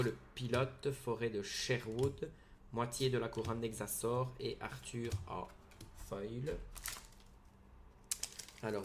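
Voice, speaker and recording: A man's voice: mid-range voice, noisy background. Man rattling off card names casually. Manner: rattles off card names in lists, with brief excited asides. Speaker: card-opening video host. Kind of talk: casual narration of a card pack opening.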